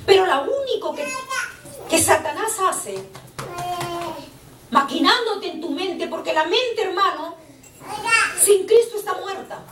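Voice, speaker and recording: A woman's voice: very high-pitched, lively intonation, a little slow, long pauses, noisy background. A woman preacher giving an impassioned sermon, often calling out to her listeners as brothers. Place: church hall. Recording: echoey church from far off, faint ambience.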